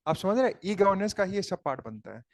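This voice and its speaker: An Indian man teaching an online class in a fairly high, lifted voice. He alternates brisk explanations with slow, word-by-word dictation of notes. The sound is dry and close, with no room echo. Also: sing-song. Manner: explains in mixed Hindi and English, then dictates notes slowly word by word. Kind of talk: online coaching lecture.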